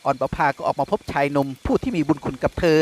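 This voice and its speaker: Male novel narrator, steady delivery, slightly high voice. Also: fast. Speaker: audiobook narrator. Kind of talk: novel reading.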